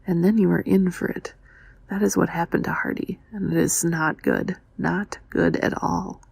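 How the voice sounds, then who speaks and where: A cynical young man gives an urgent warning as a woman reads him out, hushed and under the breath. The voice is breathy and creaky, very dry, in a quiet ASMR storybook style. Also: fairly low pitch, fairly even intonation, moderate pace, no echo, full character voice. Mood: grim, urgent. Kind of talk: quiet ASMR audiobook dialogue.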